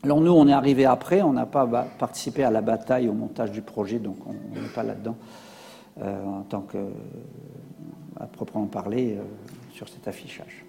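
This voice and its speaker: A man's voice: fairly low pitch, steady tone, brisk, gravelly, warm tone, long reverb tail, a little hiss or hum. A man giving a public science lecture with slides, hesitant, with many fillers and restarts.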